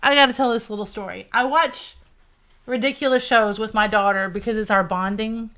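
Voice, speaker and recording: A middle-aged woman co-hosting a relaxed live-stream sale. She talks in a chatty, easygoing way and likes to tell little stories. She laughs easily between her lines. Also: on the high side, fairly quick. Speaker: co-host of a live resale show. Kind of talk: casual live-stream chat.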